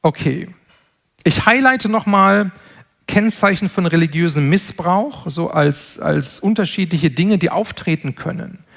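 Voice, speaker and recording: High-voiced, gravelly man lecturing earnestly. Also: animated, fairly bright tone. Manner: measured, earnest, with frequent word repetitions. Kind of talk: spoken lecture.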